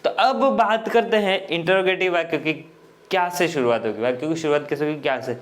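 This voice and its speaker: A man teaching English grammar in Hindi, explaining step by step and often checking that students follow. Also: on the high side. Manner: slow, repetitive explaining with frequent checks.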